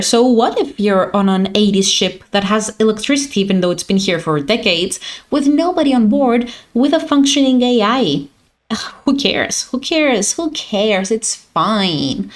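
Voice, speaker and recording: A woman streamer giving playful, mock-dramatic commentary as she plays a game and argues with a character on screen. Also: on the high side. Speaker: gaming streamer. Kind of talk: let's play commentary.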